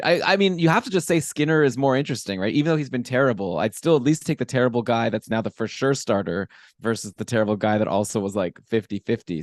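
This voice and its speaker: A man's voice: mid-range voice, no echo. A man in casual podcast chat with a mid-range voice, rambling through asides and chuckling at his own jokes. The sound is dry and close to the mic. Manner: chatty, laughs at himself, trailing asides. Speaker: podcast co-host.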